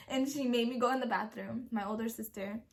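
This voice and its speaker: Giggly young woman, slightly high voice, chatty q&a storytime vibe. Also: moderate pace. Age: young adult. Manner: giggly, laughs often while telling a story; chatty, full of fillers and quoted speech. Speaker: young parent answering viewer questions. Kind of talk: casual Q&A chat.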